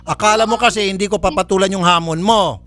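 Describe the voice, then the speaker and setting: A man's voice: sits high, quick pace, crowd noise. A man hosting a public service show, scolding a caller with curt refusals and mocking laughs. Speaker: radio-TV public service host. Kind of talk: stern on-air case ruling.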